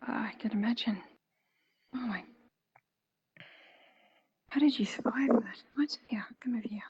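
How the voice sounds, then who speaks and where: A woman whispering a healer's part in a roleplay, with a breathy whisper and a soft, concerned, gentle manner. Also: fairly high pitch, measured pace, no room sound, highs cut off.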